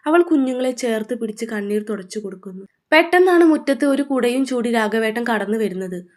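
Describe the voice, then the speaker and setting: A woman narrating a dramatic family story in a steady, scripted manner. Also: fairly high pitch, a little fast.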